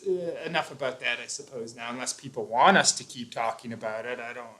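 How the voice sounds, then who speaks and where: A man's voice: medium pitch, quick pace, sharp tone. A man hosting a casual live stream, explaining his views at length with fillers and restarts.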